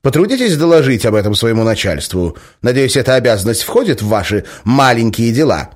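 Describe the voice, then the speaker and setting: A man's voice: a little high, lively intonation, a little fast, voice pushed up. A man voicing an indignant woman prisoner who makes formal demands. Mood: haughty. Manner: prim, demanding.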